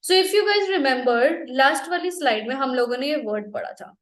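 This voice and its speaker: A young Indian woman teaching French in a relaxed online lesson that mixes Hindi and English, with drawn-out explanations, tag questions and frequent laughs. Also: high voice, echoey room.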